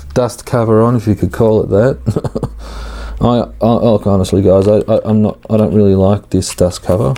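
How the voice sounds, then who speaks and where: A man giving a casual, hands-on tutorial, informal and halting as he thinks aloud while working. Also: lowish voice, dark tone. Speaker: hobbyist host of an RC car build series.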